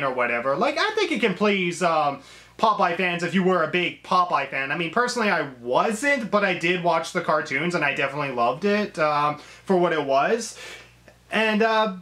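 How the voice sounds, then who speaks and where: A man with a high, bright voice talks through a movie review in a loose, off-the-cuff way. He keeps filling gaps with "um" and restarting his sentences as he thinks aloud. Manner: rambling, heavy with "um" and restarts. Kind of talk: casual spoken review.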